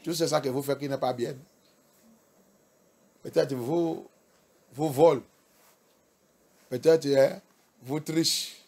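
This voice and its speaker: A male pastor preaching a sermon with emphatic delivery, repeating key phrases and swinging from soft to loud. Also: fairly high pitch, steady tone, slow, pauses often, slightly rough.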